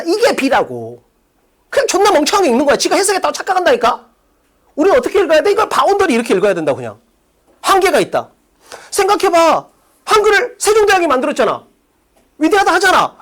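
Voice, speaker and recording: A woman teaching an exam-prep English class in an academy classroom, firing off rhetorical questions and bluntly insulting students with profanity. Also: very high-pitched. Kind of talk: lecture on exam reading questions.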